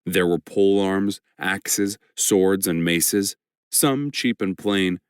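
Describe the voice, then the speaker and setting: A man narrating an audiobook in a measured first-person storytelling voice. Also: sits low, smooth, dry recording, studio quality.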